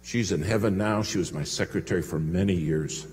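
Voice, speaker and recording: A man's voice: sits low, fairly quick, darkish tone. A man preaching a sermon to a congregation in a church, telling a story and speaking to the crowd. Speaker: pastor. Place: church sanctuary. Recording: long hall reverb with faint hum.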